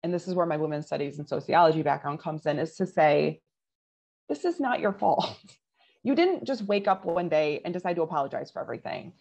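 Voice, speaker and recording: A woman's voice: deep voice, creaky, darkish tone. A woman in her forties, a leadership coach, speaking earnestly and emphatically as a guest in a podcast interview. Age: 40s. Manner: earnest, emphatic, quick bursts.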